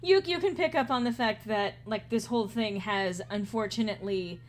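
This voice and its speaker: A woman narrating a tabletop game as game master, relaxed and chatty, often laughing. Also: medium pitch, moderate pace, a little hiss or hum.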